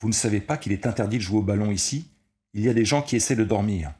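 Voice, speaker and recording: A man voicing a furious old male night watchman who shouts threats down from a window. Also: on the low side, fast talker, natural voice.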